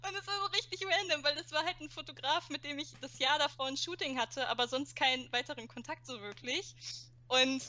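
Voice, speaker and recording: A woman's voice: sits high, fairly quick, pushed and bright, lo-fi sound. A young woman telling funny convention anecdotes in a casual chat, acting out quotes with youth slang.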